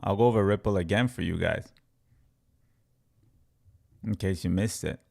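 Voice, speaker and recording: A man's voice: deep voice, normal speed, creaky, a little mellow. A man from Congo, a crypto trading educator, answering viewers' chat questions on a live stream with emphatic repetition and step-by-step chart talk.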